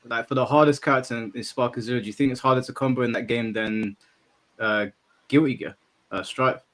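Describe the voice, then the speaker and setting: A man's voice: mid-range voice, fairly even intonation, brisk, a bit bright. A man hosting a casual debate about games. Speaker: host.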